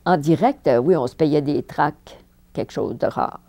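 Seated by a fireplace in her living room, an older French actress with a Parisian accent looks back on her career in an interview. She speaks at a normal speed in a low, creaky voice, animated and laughing frequently, repeating words to drive points home.

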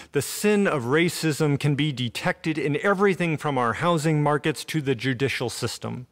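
Earnest man preaching from a pulpit. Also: medium pitch. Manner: earnest, measured preaching with deliberate pauses. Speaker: pastor. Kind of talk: sermon. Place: empty church sanctuary with pipe organ. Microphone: podium gooseneck mic.

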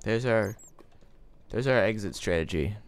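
A man's voice: fairly low pitch, measured pace, a little hiss or hum. A young man giving casual gameplay commentary, swearing and sarcastic as things go wrong. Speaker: gaming commentator.

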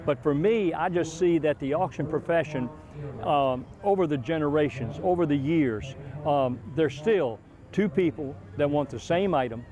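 American man in his sixties, higher-pitched voice. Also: moderate pace, muffled recording. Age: 60s. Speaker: auction professional. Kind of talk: explanatory interview answers. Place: outside an event tent. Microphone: lapel. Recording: outdoor interview with crowd behind.

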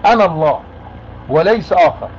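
Egyptian guy arguing on a call, high voice, rapid, keeps demanding the same thing, muffled recording. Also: animated. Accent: Egyptian Arabic. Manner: insistent, repeats demands. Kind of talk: argumentative phone call. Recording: muffled lo-fi call with faint noise.

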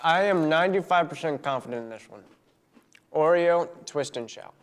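A woman's voice: deep voice, animated, normal speed. A woman co-hosting a livestream, joking and self-deprecating in casual chat. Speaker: co-host.

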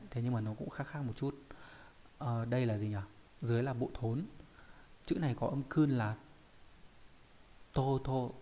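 A man's voice: mid-range voice, mellow. Vietnamese man teaching kanji step by step. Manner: explains step by step, often checking with "đúng nhỉ?". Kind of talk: online lesson explaining kanji.

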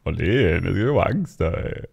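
Man, gaming commentary, excitable and jokey, voice swooping high and low. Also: moderate pace, creaky, breathy edge. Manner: excitable, jokey, yelps when startled. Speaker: let's play host.

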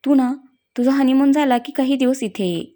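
A woman's voice: sits high, normal speed, warm tone, close to an everyday voice. A woman voicing a teasing, playful young woman in a group of friends, in a storybook reading.

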